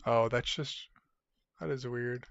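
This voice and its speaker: A man's voice: medium pitch, fairly even intonation, takes it slowly, creaky, fairly bright tone, dry recording, dull audio. A tired, sleepy man hosting a casual livestream, from the United States, rambling as he reads chat aloud. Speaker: livestream host.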